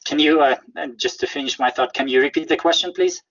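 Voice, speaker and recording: A man with a Russian accent answering interview questions in a halting, careful way, often repeating words as he searches for phrasing. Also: a little high, fairly bright tone, dull audio, a little hiss or hum. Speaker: interview guest, whistleblower. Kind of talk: conversational interview.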